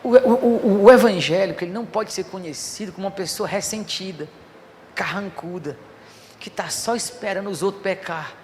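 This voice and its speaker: A male pastor preaching a fervent sermon, swinging from hushed passages to loud declarations. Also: high-pitched, moderate pace, in a large hall, slight background noise.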